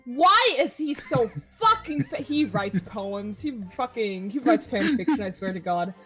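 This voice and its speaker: A woman's voice: a little high, sing-song, a little slow, a bit bright, faint music behind. A woman playing a game with friends, reading dialogue aloud and tossing in sweary, teasing asides. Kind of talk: playful let's-play chat with read-aloud game lines.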